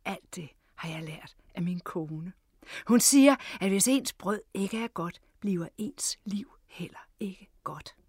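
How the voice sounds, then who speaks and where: A woman storyteller voicing a wry, proud male TV man, lively in places and hushed in others. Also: medium pitch, no echo, clean studio sound, lightly acted.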